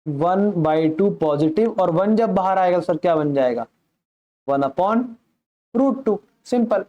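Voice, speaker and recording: A high, mellow voice drives this slow but animated maths lesson, heard through dull audio. The teacher patiently questions aloud and answers himself, keeps repeating the essentials, and speaks politely to his listeners.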